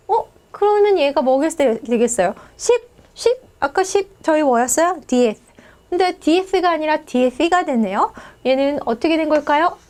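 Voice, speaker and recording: Woman, language teacher, high voice, lively, asks and answers her own questions, online lesson. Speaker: Spanish teacher.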